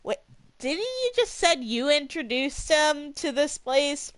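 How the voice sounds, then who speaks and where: Earnest young male attorney, read by a female streamer in her own slightly high voice. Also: big pitch swings, slow, a little hiss or hum, exaggerated voice.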